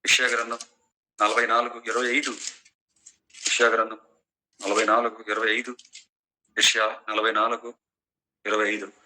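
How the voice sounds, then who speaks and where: A man's voice: fairly low pitch, little pitch movement, normal speed, pauses often, bright, forceful tone, slight background noise, poor audio. A middle-aged man preaching a sermon in an online class, emphatic and full of rhetorical questions to his listeners.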